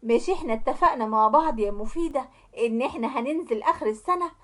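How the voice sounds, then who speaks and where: Soothing young Egyptian husband read by a woman, high-pitched and placating. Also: lively intonation, fast. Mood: calm reassuring. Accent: Egyptian Arabic. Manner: soft, reassuring and placating.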